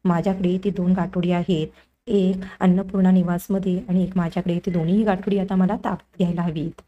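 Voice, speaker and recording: A woman's voice: on the low side, level tone, a little fast, dark tone, dull audio, lightly acted. A woman reading the lines of a cornered but defiant young woman, indignant in tone.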